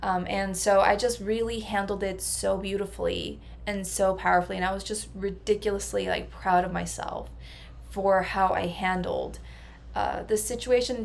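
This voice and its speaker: A woman in a mid-range, creaky voice shares a casual vlog monologue as a personal transformation coach. She comes across earnest and reflective with a level delivery, over slight background noise.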